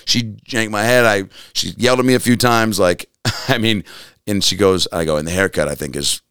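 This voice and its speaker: A man's voice: on the low side, moderate pace, fairly bright tone, clear, resonant tone, dry recording, clean studio sound. A man, a comedian guest on a podcast, telling a story in casual chat and acting out the quotes.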